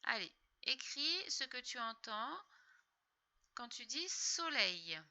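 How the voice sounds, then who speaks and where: Woman, teacher, very bright tone, slow, patient step-by-step instructions. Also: fairly high pitch, big pitch swings. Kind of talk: reading lesson for young children.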